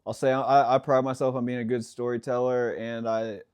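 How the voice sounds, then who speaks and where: A male podcast co-host chatting outdoors by a campfire. He sounds easygoing and joking, with a plain, mid-pitched voice. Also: flat delivery, normal speed, a little mellow, clear, resonant tone, no room sound. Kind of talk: casual chat.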